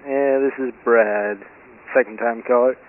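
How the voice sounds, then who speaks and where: A man's voice: mid-range voice, steady tone, measured pace. A man leaving a rambling, offhand message for a show over the phone. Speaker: caller. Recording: tinny hissy phone line.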